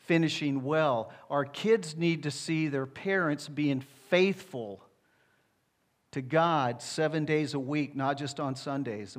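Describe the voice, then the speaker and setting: A middle-aged man, a pastor, preaching a conversational sermon with rhetorical asides to the congregation. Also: fairly high pitch.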